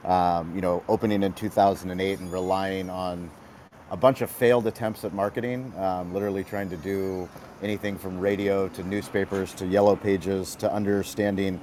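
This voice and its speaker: A man's voice: low voice, little pitch movement, moderate pace, a little mellow, slight background noise. A man talking energetically and emphatically on an audio chat panel, stacking repeated phrases to drive his points home. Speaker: restaurant marketing guest speaker. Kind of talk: motivational panel talk.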